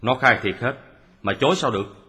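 A man playing a calm, methodical detective who patiently recounts how a crime was carried out, in a radio drama. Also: medium pitch. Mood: steady. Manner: measured storytelling, steady. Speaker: detective explaining a solved case. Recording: long hall reverb.

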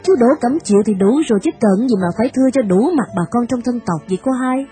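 A woman's voice: a little high, lively intonation, fast talker, mellow, soft background music, natural voice. A woman voicing a brash young scholar man. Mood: questioning. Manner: wheedling, boastful pleading. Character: young rich male scholar, brash and pushy.

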